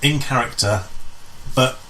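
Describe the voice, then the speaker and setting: An amateur pantomime director, appearing as an interview guest, tells stories casually and conversationally, restarting and repeating phrases as he explains. His medium-pitched voice is sharp in tone and measured in pace. The recording is rough, with slight background noise.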